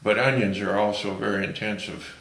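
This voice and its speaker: A man chatting casually in an interview about his town, halting and restarting his phrases. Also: fairly low pitch, fairly even intonation, creaky, fairly bright tone, roomy sound, poor audio.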